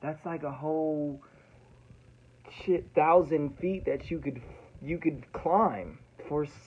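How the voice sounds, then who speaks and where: A student pilot in his twenties explains recorded radio calls during playback, speaking casually with lots of slang and repeating himself often. His voice is husky and fairly high-pitched, his pace slow, and the audio sounds dull.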